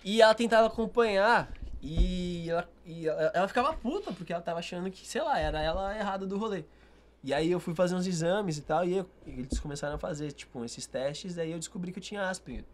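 A young Brazilian man, a guest musician, telling animated stories in casual podcast chat and acting out the dialogue. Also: high voice, quick pace, a little hiss or hum.

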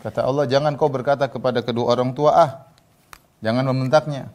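A man preaching a sermon, slowly chanting Arabic verses and then explaining them in a loose, everyday way with fillers. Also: medium pitch, steady tone, a little mellow. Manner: loose speech with fillers and colloquial asides. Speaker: Islamic preacher. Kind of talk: sermon with Quranic recitation.

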